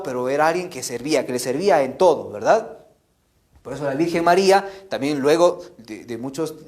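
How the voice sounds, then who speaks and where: A man telling a Bible story to children in an animated way, often checking in with them. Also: a little high. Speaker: catechist.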